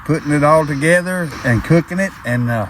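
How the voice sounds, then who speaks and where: A man's voice: on the high side, fairly quick. A man with an Arkansas Southern accent, chatting in a laid-back, plainspoken way as he co-hosts outdoor cooking. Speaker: outdoor cooking vlog co-host. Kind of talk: casual chat. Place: outdoors by a fire. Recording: noisy outdoor camera audio.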